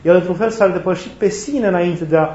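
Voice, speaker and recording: A man preaching a sermon in a reflective way, often repeating and rephrasing his points, with touches of gentle humor. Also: high-pitched, slight background noise. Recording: roomy, slightly dull recording with faint ambience.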